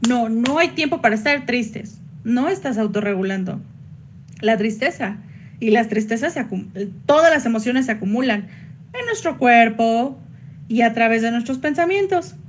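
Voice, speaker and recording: A woman psychologist giving a workshop online, chatty, with sudden high jumps when she acts out quoted voices. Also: animated, moderate pace, a little hiss or hum.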